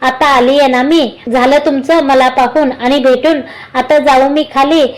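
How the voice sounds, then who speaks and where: A woman's voice: high-pitched, steady tone, unhurried. Woman reading a flustered young wife. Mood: soothing.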